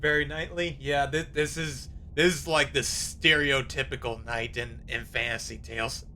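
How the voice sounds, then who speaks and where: A man's voice: medium pitch, steady tone, normal speed, bright, forceful tone, a little hiss or hum. A man giving casual live commentary as he streams a game.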